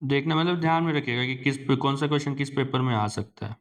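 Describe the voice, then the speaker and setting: A young man teaching exam aspirants in a relaxed lecture, slowly reading out English headlines and then explaining them casually in Hindi. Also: mid-range voice.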